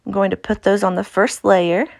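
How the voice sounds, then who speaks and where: A woman's voice: mid-range voice, level tone, normal speed, creaky, darkish tone, no echo, clean studio sound. A woman with an Appalachian accent talks through a craft tutorial in a casual, chatty, informal way. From Appalachia, United States. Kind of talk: casual instructional craft voice-over.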